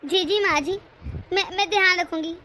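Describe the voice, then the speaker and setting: A patient, dutiful elder daughter-in-law, voiced by a woman in a cartoon family drama. Her very high, bright voice stays accommodating and soothing as she reassures the others. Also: normal speed. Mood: placating.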